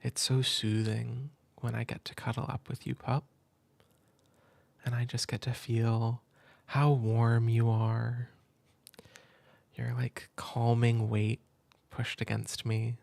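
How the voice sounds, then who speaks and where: A man speaking tenderly in a soft, half-whispered ASMR comfort roleplay, close to the mic. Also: mid-range voice, level tone, takes it slowly, gravelly, long pauses, dry recording. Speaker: ASMR creator.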